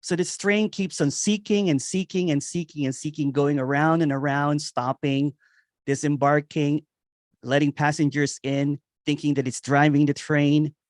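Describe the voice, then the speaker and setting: A man giving a meditative spiritual reflection on nonduality, repeating phrases and chuckling softly now and then. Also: on the high side, steady tone, moderate pace, no echo, clean studio sound. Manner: meditative, repetitive, with soft chuckles. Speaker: nonduality speaker. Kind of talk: slow spoken spiritual reflection.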